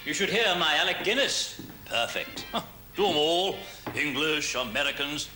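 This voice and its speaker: An actor playing a middle-aged radio actor who drinks and sneers, with a theatrical drawl. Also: male voice, fairly high pitch, expressive, moderate pace, pushed and bright, echoey room, faint music behind. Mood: boastful. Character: boozy veteran male radio actor, pompous and mocking. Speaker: stage actor in a radio company.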